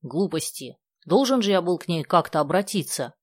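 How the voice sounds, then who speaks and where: A woman reads a self-assured teenage boy in an audiobook, argumentative and sure of himself. Her voice stays low and close to her own, with a dry, close sound. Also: animated, moderate pace, a little mellow, no echo. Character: confident, opinionated teenage boy.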